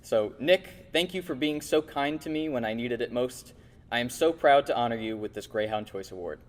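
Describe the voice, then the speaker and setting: A man's voice: mid-range voice, moderate pace. Male teacher giving an earnest, lightly funny award tribute, heard with a long hall echo. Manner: warm, lightly humorous, earnest. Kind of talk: prepared award speech.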